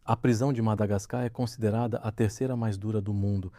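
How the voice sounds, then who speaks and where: A man's voice: lowish voice, steady tone, quick pace, mellow, no room sound. A man, a guest in an interview, recounts a personal story and acts out the quoted dialogue as he goes. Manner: vivid retelling, acting out quoted dialogue.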